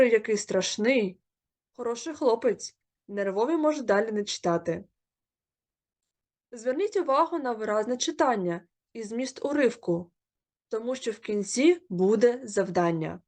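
A woman teacher giving a recorded lesson, explaining steadily in a measured, instructive way. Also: on the high side, expressive, darkish tone. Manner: measured, instructive, clearly paced. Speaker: literature teacher.

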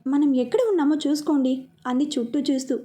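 A woman's voice: sits high, steady tone, fast talker, mellow, natural voice. A woman reading the part of a shy young woman who gets flustered and pouts at her lover in a romantic storybook narration. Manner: flustered, pouting.

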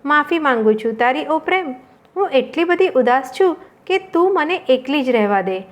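A woman's voice: high-pitched, lively intonation, moderate pace. A woman voicing Indifference, a sad and withdrawn female spirit. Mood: gloomy. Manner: gloomy, withdrawn.

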